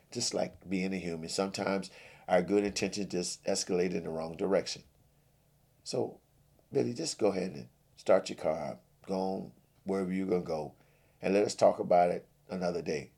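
A man with a very low voice, full of gravelly fry and a husky texture. He speaks calmly in a pleading, preacher-like cadence as he gives advice to churchgoers. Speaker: comedy sketch host giving church advice. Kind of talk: comedic sketch, then preachy advice.

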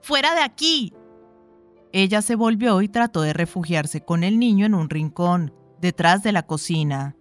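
Audiobook narrator, woman, low voice, steady read, soft music under it. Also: moderate pace, few pauses. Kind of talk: scripted narration of a short story.

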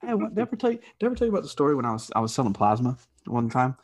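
Fast-talking man with a husky voice. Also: mid-range voice, sing-song. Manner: rambling storyteller, swears a lot, laughs often. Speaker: podcast co-host. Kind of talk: casual chat.

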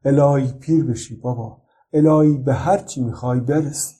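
A man's voice: medium pitch, steady tone, close to an everyday voice. A man reading the part of a kindly older neighbor who praises and blesses a child in a storybook. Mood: blessing. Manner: warm, praising tone.

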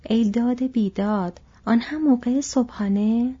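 A woman voicing a cheerful, curious young male hobbit with a lively, prying manner, on a dull lo-fi recording. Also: fairly high pitch, breathy edge, voice pushed up.

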